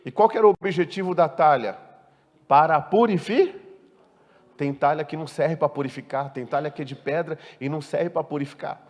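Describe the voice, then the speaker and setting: Preaching man in a reverberant church. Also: brisk. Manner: preaching with questions to the congregation; swings from loud emphatic peaks to low, quiet endings. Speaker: pastor. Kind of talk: sermon. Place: church hall.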